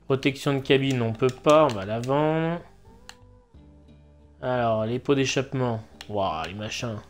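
A man's voice: mid-range voice, a little slow, faint music behind. A man giving casual live commentary as he streams a game, with noncommittal, shrugging asides. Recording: clear background noise, game ambience.

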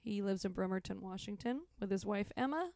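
A woman's voice: mid-range voice, expressive, fairly quick, gravelly, darkish tone, no echo, studio quality. A woman co-hosting a music livestream, teasing her partner and laughing often in casual chat. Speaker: co-host and musician.

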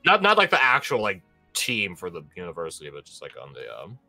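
Young male game master, rambling storyteller, bright animated delivery over a dry call line with soft music. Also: fairly low pitch, quick pace, dry recording. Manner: rambling storyteller, many fillers and restarts. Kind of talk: casual chat, running a tabletop game.

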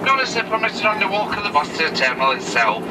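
A man with a fairly high voice gives a polite, measured arrival announcement over an aircraft cabin PA. His voice comes from a distant loudspeaker, caught by a passenger's camera. Heavy engine noise sits under it. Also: big pitch swings. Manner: formal, courteous, measured delivery. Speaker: flight attendant. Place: aircraft cabin after landing. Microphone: passenger's camera, from afar.

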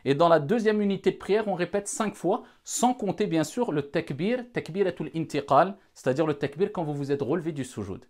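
A man's voice: fairly high pitch, animated, fairly quick, hardly any pauses, a little mellow. A man giving a careful religious lesson, addressing the audience formally and repeating key points to stress them. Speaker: religious teacher.

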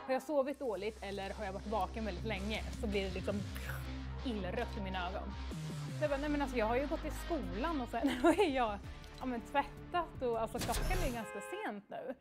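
Pratglad ung kvinna som berättar en historia. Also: female voice, fairly high pitch, music in the background. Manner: animated, acts out quoted dialogue; frequent fillers like "liksom" and "jag bara". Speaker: livestreamer. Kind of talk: casual storytelling.

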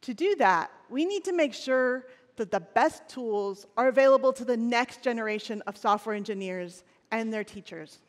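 Woman, 40s, keynote presenter on a big stage; earnest scripted delivery, slightly high voice, lapel mic in a reverberant hall. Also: expressive, normal speed, few pauses. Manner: scripted, earnest, occasional restarts. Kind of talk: conference keynote speech. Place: large stage in a conference hall. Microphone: headset or lapel mic on stage.

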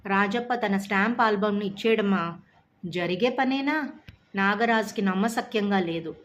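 Woman storyteller, audiobook story narration, calm, measured. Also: mid-range voice, a little hiss or hum.

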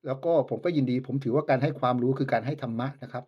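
A man talks about his flutes in a casual vlog, polite in tone but sharp and scornful when he speaks of copycats. His voice sits at an ordinary middle pitch. The recording is dull and lo-fi. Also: steady tone, rapid-fire, slightly rough. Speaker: flute maker.

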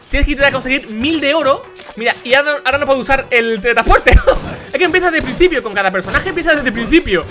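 A young man with a Spanish accent commentating a video game he is playing, casual, excitable, shouting and swearing when things go wrong. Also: very high-pitched. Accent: Spain. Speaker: gaming youtuber. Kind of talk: casual let's play commentary.

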